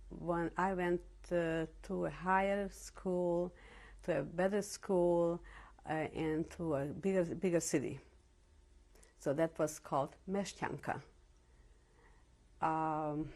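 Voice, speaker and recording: In an oral history interview at her home in Cleveland, a Holocaust survivor in her seventies from Czechoslovakia looks back on her early life. English isn't her first language (Yiddish or Slovak is), and her fairly low voice is reflective, full of hesitations and restarts.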